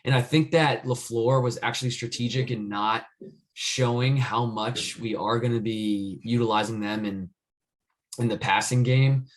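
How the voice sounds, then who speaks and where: A man in casual sports chat on a podcast, circling his point with frequent "I mean"s and false starts. His pitch sits in an ordinary middle range for a man. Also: steady tone, unhurried. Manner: rambling, many restarts and "I mean". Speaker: podcast co-host.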